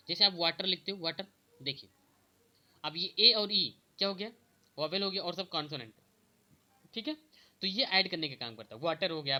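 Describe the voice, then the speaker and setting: A young man teaching exam prep, explaining questions step by step and slowly reading out the answer options. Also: a little high, pushed and bright. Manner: repeats "okay" often, reads options slowly.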